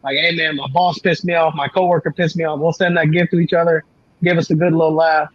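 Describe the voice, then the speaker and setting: A man's voice: on the high side, level tone, fast talker, no echo, muffled recording. Laid-back man chatting on a podcast. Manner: laid-back, repeats himself, laughs easily. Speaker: podcast co-host. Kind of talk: casual podcast chat.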